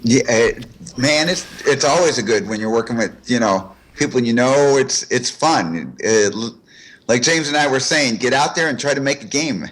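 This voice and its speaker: A man giving a casual interview as a guest, in a laid-back, halting way. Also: medium pitch, fairly bright tone. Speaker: interview guest, martial arts instructor.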